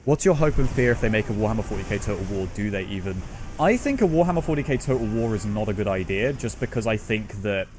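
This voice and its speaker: A male streamer with a fairly low voice gives casual live gaming commentary. He is chatty and opinionated, and swears freely. There is faint noise in the recording. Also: expressive, fast talker, a little mellow. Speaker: game streamer.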